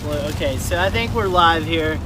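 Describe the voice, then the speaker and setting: A man with a high voice hosts a storm chasing vlog. His delivery is casual and chatty. Loud wind and vehicle noise fills the recording. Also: lively intonation, normal speed. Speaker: storm chaser hosting the vlog. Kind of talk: casual vlog chat and commentary. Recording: very noisy, wind and vehicle rumble.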